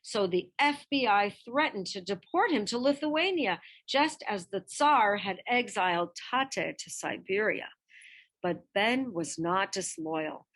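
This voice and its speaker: A woman with a medium-pitched voice gives a scripted reading of a picture-book biography, her delivery expressive and her emphasis deliberate.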